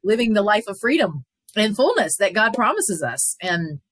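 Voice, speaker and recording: A woman speaking as a therapist guest, earnest and halting with many filler pauses. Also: medium pitch, very animated, a bit bright, dry recording. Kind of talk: casual interview talk.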